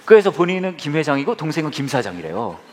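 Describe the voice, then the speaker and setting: A man's voice: fairly high pitch, sing-song, quick pace, a little mellow, a little hiss or hum. A man in his forties preaching a sermon, telling humorous family stories and speaking directly to the congregation. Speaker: pastor.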